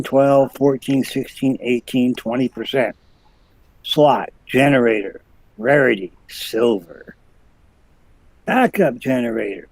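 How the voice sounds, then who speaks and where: Man reading stat lists slowly. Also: mid-range voice, a little mellow, dry recording, rough recording. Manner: methodical list reading. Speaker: live show co-host. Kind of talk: reading item stats on a live stream.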